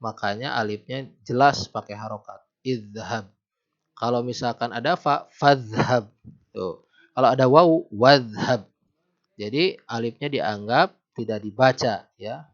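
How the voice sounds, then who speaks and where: A man giving a recorded Arabic grammar lesson, patiently quizzing the listener and slowing down to recite verses. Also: mid-range voice. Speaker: Arabic teacher. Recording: dull lo-fi home recording.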